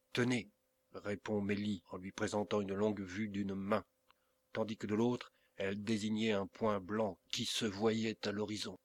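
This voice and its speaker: A man reading a novel aloud as an audiobook narrator, in a measured, expressive way. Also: lowish voice. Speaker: audiobook reader.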